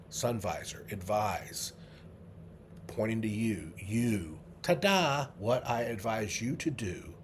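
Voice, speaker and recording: A middle-aged man, a memory trainer, leading a guided memory exercise, coaching the listener through vivid images with slow, drawn-out repetition. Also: lowish voice, a little hiss or hum. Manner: slow, drawn-out repetition with sudden loud "ta-da" bursts; vivid, coaxing visualization instructions.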